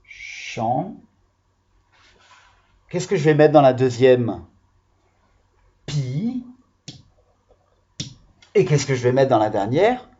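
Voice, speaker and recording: A man's voice: mid-range voice, mellow, highs cut off. A male primary school teacher giving a video phonics lesson to young children, patiently sounding out syllables.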